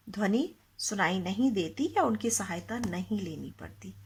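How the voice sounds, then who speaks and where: A woman's voice: mid-range voice, fairly bright tone, slightly rough. A woman teaching a Hindi grammar lesson to young children, explaining patiently, asking the class questions and mixing English words into her Hindi.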